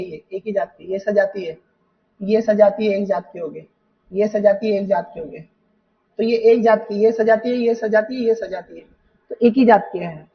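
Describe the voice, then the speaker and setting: High-voiced male teacher, distant and muffled. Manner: repetitive explaining, rhetorical questions to students. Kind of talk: exam paper walkthrough lesson. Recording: dull sound, voice from off the mic.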